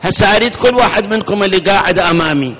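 A man preaches a sermon in an Iraqi Arabic accent, addressing his congregation directly and emphatically. His voice sits high and races, sounding pushed, bright and husky, and the hall recording is muffled with reverb.

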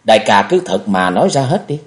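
A man's voice: on the low side, sing-song, a little fast. A man voicing an anguished young male swordsman who pleads and cries out, in an audiobook reading. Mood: insistent. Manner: pleading, shouts in grief.

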